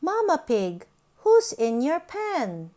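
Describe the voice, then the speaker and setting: This is a high-voiced woman reading a children's picture book out loud, her intonation bouncing and swooping with energy. She keeps a deliberate, sing-song rhythm suited to young listeners.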